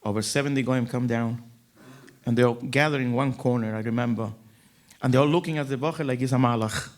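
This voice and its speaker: A man's voice: medium pitch, steady tone, brisk. A man giving an inspirational religious talk as a rabbi, telling stories emphatically and acting out the dialogue. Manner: emphatic, dramatic storyteller who acts out dialogue. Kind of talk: inspirational religious storytelling speech.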